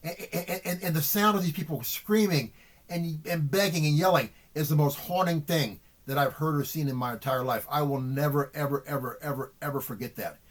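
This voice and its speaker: A man's voice: fairly high pitch, brisk. A middle-aged man talking earnestly to his viewers in a vlog monologue, repeating words and restarting sentences often. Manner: earnest, repetitive, with frequent restarts. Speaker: vlogger. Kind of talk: emotional monologue to camera.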